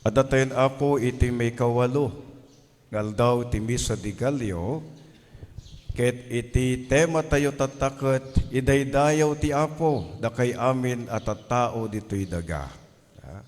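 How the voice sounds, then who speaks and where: A man's voice: medium pitch, takes it slowly, darkish tone. A man with a Filipino accent, a parish priest preaching a Mass homily who keeps asking the congregation "Amen?" and mixes Ilocano with English. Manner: preaches to a congregation, often asks "Amen?" for a reply; mixes Ilocano with English, tells stories from his own ministry. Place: large church. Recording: long church reverb.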